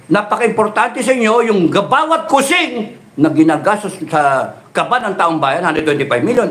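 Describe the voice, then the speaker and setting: Heated man ranting, high-pitched. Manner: mocking rhetorical questions, heated and profane. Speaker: political speaker. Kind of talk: impassioned political rant.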